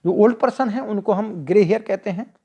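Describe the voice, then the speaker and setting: A teacher with an Indian accent explaining exam questions. The teacher reads each English question slowly, asks it back to the listener and then answers it. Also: mid-range voice, mellow, highs cut off. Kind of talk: explaining multiple-choice questions.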